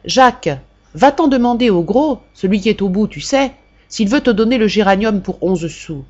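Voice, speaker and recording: Une mère autoritaire et pressée, à la voix un peu haute, qui donne des ordres vifs à son fils, jouée par une lectrice de livre audio. Le son est légèrement étouffé, comme un enregistrement maison peu défini. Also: female voice, medium pitch, expressive, normal speed, a little mellow, dull audio, close to an everyday voice. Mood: commanding. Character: brisk, bossy mother sending her son off. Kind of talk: audiobook character voice.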